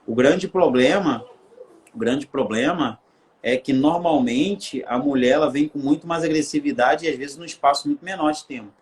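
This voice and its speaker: A man's voice: a little high, normal speed. A man with a Brazilian Portuguese accent, a guest on a live-stream interview, speaking earnestly and building his points through repeated phrases.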